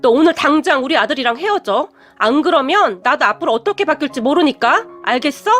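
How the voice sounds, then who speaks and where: A woman voicing a furious, snobbish middle-aged mother who shouts with contempt. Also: sits high, expressive, a little fast, faint music behind. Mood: angry, scornful.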